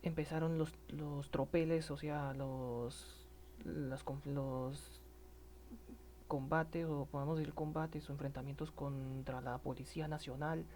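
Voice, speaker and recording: A man's voice: fairly high pitch, level tone, a little mellow. A Colombian man with a regional accent talks through a personal monologue, stumbling and restarting as he goes. His tone is earnest and indignant. A faint hum sits under the recording. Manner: halting, stammering, many restarts. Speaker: citizen speaking about protests.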